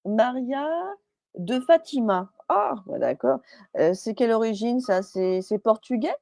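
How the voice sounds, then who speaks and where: A woman's voice: on the high side, lively intonation, a little slow, vocal fry, darkish tone, no echo. A woman medium on a live stream, chatty and hesitant, with many fillers and restarts, relaying messages as quoted speech.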